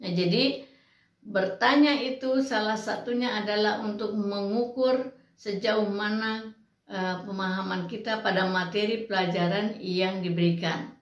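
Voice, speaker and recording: A woman's voice: medium pitch, a little slow. A woman lecturer giving students patient, explanatory advice, with frequent fillers. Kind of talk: educational talk to students. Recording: roomy, distant mic.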